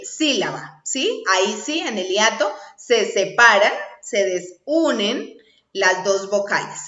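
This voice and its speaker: Woman instructor, methodical explainer, bright voice, slightly muffled echoey recording. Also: a little high. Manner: slow, explanatory, checks in with "¿sí?" and "¿listo?". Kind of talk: recorded online lesson. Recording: echoey room, slightly dull sound.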